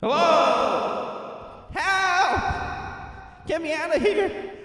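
A man co-hosting a podcast, yelling for help as if trapped inside something, with an echo effect switched on his microphone. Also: extremely high pitch, lively intonation, very slow. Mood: mock panic. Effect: echo effect switched on his mic. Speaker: podcast co-host. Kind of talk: casual podcast banter.

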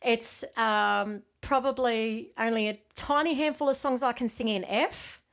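A woman's voice: on the high side, unhurried, fairly bright tone. A woman with an Australian accent hosting a casual interview, chatty and encouraging with her guest. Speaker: interview host, singer.

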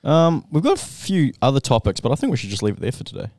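A man's voice: mid-range voice, sing-song, fast, gravelly, a little mellow, dry recording, clean studio sound. A man from New Zealand co-hosting a podcast, chatting in a laid-back way and swearing casually. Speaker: podcast co-host. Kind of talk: casual chat.

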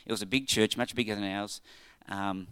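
An Australian man giving an informal church tribute in a halting, conversational way, often checking in with his listeners. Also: on the low side, fairly even intonation, a bit bright, smooth.

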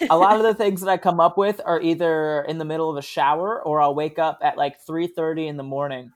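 A man's voice: fairly high pitch, a little fast. A man, a sketch comedian, chatting casually as an interview guest, laughing often as he tells stories. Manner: laughs often, relaxed storytelling with fillers.

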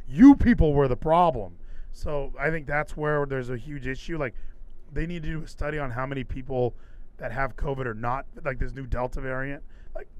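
A man hosting a podcast with casual comedic commentary, ranting in an animated, sarcastic way. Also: mid-range voice, low-quality recording. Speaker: podcast host.

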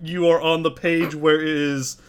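Podcast dude, kinda high voice, keeps pausing and restarting. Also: male voice, level tone, smooth. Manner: hesitant, lots of fillers and restarts. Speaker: podcast co-host. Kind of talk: casual podcast chat.

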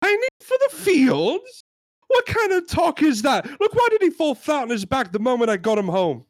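A shrill, indignant British customer in an amateur comedy sketch, played by a man over a voice chat, pitched high and pushing his voice loud. He sounds thoroughly fed up, and the recording is dry. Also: very animated, moderate pace, no echo. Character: indignant English male customer with a dead parrot.

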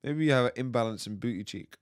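A man's voice: mid-range voice, smooth, no echo. Teasing British man on a dry mic. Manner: joking, teasing, quick to laugh. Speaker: podcast co-host. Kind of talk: casual chat.

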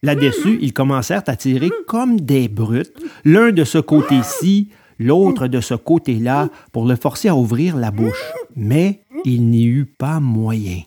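A man narrating a storybook in an expressive, dramatic way. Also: mid-range voice, measured pace, crowd noise.

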